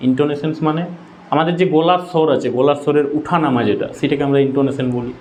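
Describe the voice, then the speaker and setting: A man's voice: fairly high pitch, fast talker, a little mellow, a little hiss or hum. A man with a Bengali accent giving an exam-prep lecture, asking questions and answering them himself, correcting his own slips aloud. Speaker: teacher.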